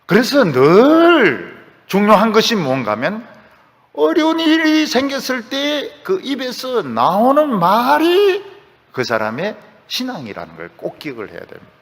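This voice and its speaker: Male pastor, sermon, lively swooping pitch, emphatic rhetorical questions, long hall reverb. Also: measured pace. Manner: acts out quoted voices. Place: church sanctuary.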